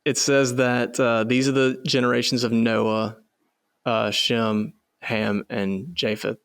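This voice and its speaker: A man's voice: mid-range voice, level tone, slow pace, vocal fry, fairly bright tone, clear, resonant tone, dry recording, studio quality. A man co-hosting a podcast, chatting casually and jokingly through a Bible study with lots of fillers. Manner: laid-back, jokey, trails off with fillers. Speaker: podcast co-host.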